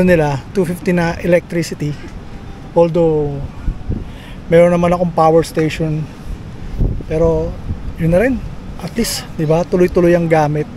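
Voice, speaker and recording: A man in his thirties with a Filipino accent, chatting relaxed on a casual camping vlog tour, filmed at arm's length outdoors. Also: fairly high pitch. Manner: relaxed, chatty, points things out while walking. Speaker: camping vlogger. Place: outdoors on a shady beach campsite, later inside a tent. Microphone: handheld camera at arm's length. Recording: clear wind noise on the mic.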